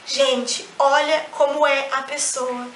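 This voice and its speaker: A woman's voice: sits high, slight background noise. A young woman with a Brazilian accent, chatting animatedly as a vlogger, telling a personal story with many restarts. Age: young adult. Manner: animated, quick restarts, acts out quoted lines. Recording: echoey room.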